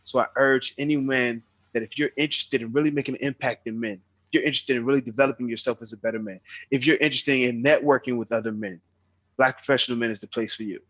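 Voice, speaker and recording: Brief: young male meeting host, earnest, mid pitch, dull lo-fi video call audio. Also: fairly even intonation, fast, fairly bright tone. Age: young adult. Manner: earnest, repeats words when starting. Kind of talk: online meeting address.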